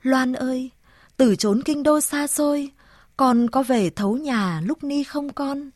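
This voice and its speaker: A woman's voice: high-pitched, slow, a little mellow, dry recording, studio quality. A woman voicing a sorrowful old grandmother, murmuring tenderly to her dead daughter in a storybook reading. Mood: grieving. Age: older.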